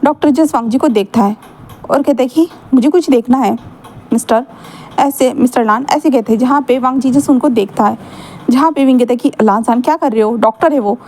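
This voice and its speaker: A woman's voice: on the high side, brisk, a little mellow. A woman casually retelling a fan fiction story with chatty fillers and asides. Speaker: fanfiction narrator.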